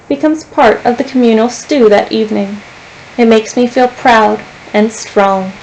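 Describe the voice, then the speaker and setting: A woman, a teacher, reading a novel aloud to her class in a steady storytelling voice. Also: on the high side, a little hiss or hum, low-quality recording.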